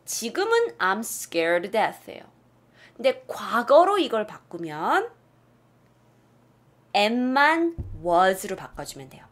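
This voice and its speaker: Animated woman teaching in a video lesson. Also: drawn-out words, pauses often. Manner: lively, acts out example lines with big pitch jumps; drops to a whisper for asides. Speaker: English teacher.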